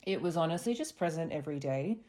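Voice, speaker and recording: Podcast guest, female, voice disguised to sound deep and dark, reflective and measured, recorded remotely. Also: lively intonation. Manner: reflective, measured, with small restarts. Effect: voice altered to sound deeper for anonymity. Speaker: guest sharing lived experience. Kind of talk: candid podcast conversation. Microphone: remote recording over a call.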